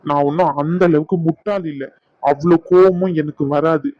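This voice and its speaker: A man's voice: a little high, steady tone, moderate pace, no room sound, dull audio, close to an everyday voice. A man voicing a stubborn, vengeful young doctor in a cartoon, speaking in a defiant, insistent way. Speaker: voice actor. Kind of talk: cartoon dub acting.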